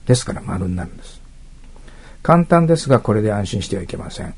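A man teaching an exam prep lesson, reading English phrases slowly and then explaining them in quick, patient asides. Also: fairly low pitch, big pitch swings, husky.

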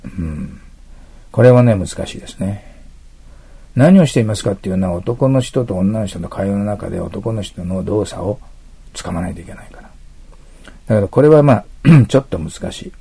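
Gravelly low-voiced man teaching English. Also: animated, normal speed, mellow. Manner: explains step by step, asks listeners to mark text. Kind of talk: exam prep lecture.

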